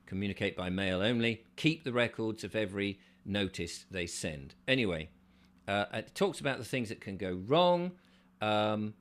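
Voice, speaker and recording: A man with a somewhat low voice hosts his own channel and talks straight to camera without a script. He explains his points earnestly, one step at a time. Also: lively intonation, normal speed, fairly bright tone. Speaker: channel host. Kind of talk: unscripted solo video monologue.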